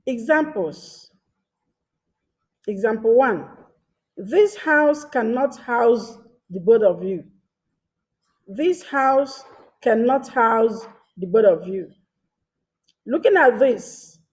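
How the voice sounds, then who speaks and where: A woman teaching a grammar lesson, reading each example sentence twice and pausing between short phrases. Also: on the high side. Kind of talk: slow deliberate grammar lesson.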